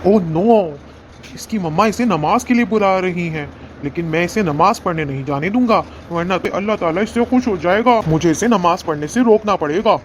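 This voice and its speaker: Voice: medium pitch, moderate pace, slight background noise, close to an everyday voice. A performer playing a scheming male devil who chuckles and coaxes a child in a moral short film. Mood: gloating. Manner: gleeful, chuckling, coaxing.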